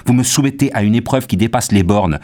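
A hot-tempered young nobleman, as a deep-voiced male reader puts him on, pushing up into a strained, loud register. The gravelly edge of the reader's voice stays under the outrage. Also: steady tone, normal speed. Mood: outraged. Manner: loud, high-strung outbursts.

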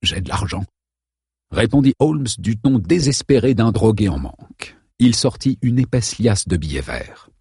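A man reading a novel aloud as an audiobook narrator, in a steady, measured way. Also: mid-range voice, slightly rough, no echo, studio quality.

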